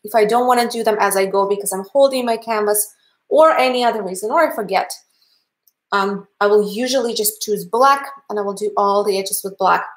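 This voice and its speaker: Speaking fairly quickly in a mid-range voice, a Canadian painting instructor in her thirties closes out her livestream class from an indoor home studio. She has a Russian accent and keeps the chat friendly and upbeat.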